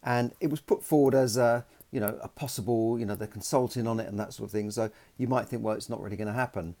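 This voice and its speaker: A man talks through his solo podcast in a mellow, relaxed voice. He rambles and restarts often, and grows indignant as he makes his case as a landlord. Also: fairly low pitch, quick pace. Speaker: podcast host.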